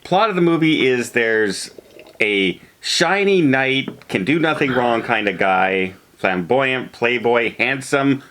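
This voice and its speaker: A man's voice: mid-range voice, lively intonation, slow, a bit bright. A man co-hosting a film review channel, chatting casually as he loosely retells and discusses a movie.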